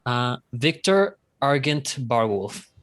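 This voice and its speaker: A man's voice: medium pitch, big pitch swings, takes it slowly, fairly bright tone. A man playing a tabletop role-playing game, speaking in character with hesitant restarts. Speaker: player voicing his character in a tabletop game. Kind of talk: in-character improvised role-play.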